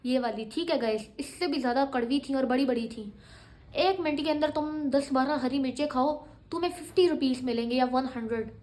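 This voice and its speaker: A woman's voice: high-pitched, fairly quick, a little mellow. A young woman, chatting dramatically in a casual home vlog. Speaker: vlogger.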